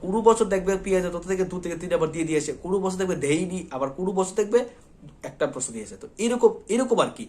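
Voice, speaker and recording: A man's voice: sits high, lively intonation, rapid-fire, mellow. A man teaching an exam-prep lesson, repeating points and often checking in with his students. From Tripura, India. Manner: repetitive, reassuring, checks in often with "thik ache".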